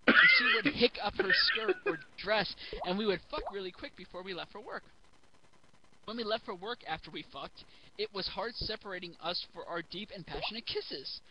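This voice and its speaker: A man's voice: high-pitched, bright, forceful tone, a little hiss or hum, low-quality recording. A giggly drunk man reading a story aloud for comedy, stumbling over the text and throwing in mocking asides.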